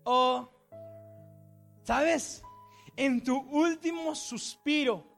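A man's voice: extremely high pitch, very slow, gravelly, fairly bright tone, soft background music. A male preacher retelling a story in an intense, vivid sermon and addressing his listeners directly.

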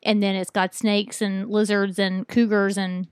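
A woman's voice: mid-range voice, flat delivery, a little slow, clean tone, dry recording, clean studio sound. A woman co-hosting a podcast, chatting casually and carrying the talk in long rambling turns. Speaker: podcast co-host. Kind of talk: casual chat.

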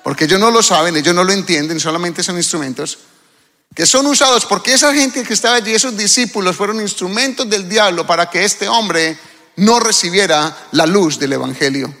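A man's voice: sits high, animated, fairly quick, bright, forceful tone. A man preaching a fervent sermon to his church, often asking the congregation questions. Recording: long hall reverb.

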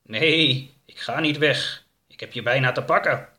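A man voicing a large, sinister dream creature with an eerie, slow, drawn-out voice in a storybook. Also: mid-range voice, sharp tone. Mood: menacing. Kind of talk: storybook reading.

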